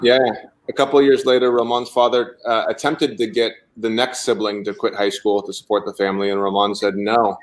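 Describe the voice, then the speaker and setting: A man's voice: fairly low pitch, little pitch movement, a little fast. A winemaker on a video call, explaining his methods in a detailed, easygoing way and telling stories. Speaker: winemaker guest.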